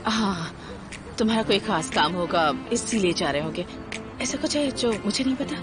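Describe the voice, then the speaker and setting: A woman's voice: medium pitch, lively intonation, normal speed, lightly acted. A woman dubbing an anxious, caring mother. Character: worried, caring middle-aged mother. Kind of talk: Hindi dub of a TV drama. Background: background music.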